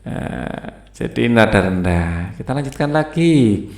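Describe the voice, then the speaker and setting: A man's voice: medium pitch, lively intonation, slow, gravelly, darkish tone. A man explains a school textbook lesson, reading it aloud and singing note names and short song lines. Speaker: teacher. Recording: echoey room with faint guitar music.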